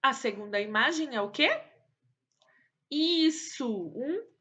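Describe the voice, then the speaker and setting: A woman's voice: high voice, animated, bright, forceful tone, breathy edge. A Brazilian woman teaching young children in a recorded lesson, patient and coaxing, praising often. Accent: Brazilian Portuguese. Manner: slow, patient, coaxing, praises and uses diminutives. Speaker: primary school teacher.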